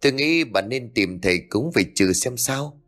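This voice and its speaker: A man voicing an older first wife who calmly gives advice. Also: mid-range voice, moderate pace, lightly acted. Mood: concerned.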